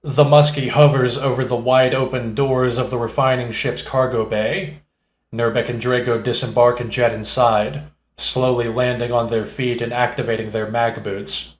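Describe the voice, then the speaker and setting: Steady male audiobook narrator. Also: mid-range voice. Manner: steady, descriptive. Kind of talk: scripted narration. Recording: roomy echo.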